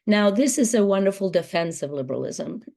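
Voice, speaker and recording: A woman with a croaky, hoarse voice from laryngitis, giving hesitant introductory remarks at a book talk as moderator, with many fillers and restarts. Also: mid-range voice, expressive, a little fast, dark tone.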